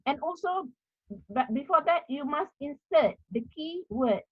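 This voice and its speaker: Speaking a little slowly in a high, animated voice, a middle-aged woman from Malaysia lectures on article writing in Malaysian-accented English. She is a university lecturer who explains, repeats herself and uses plenty of fillers; the audio is dull with no echo.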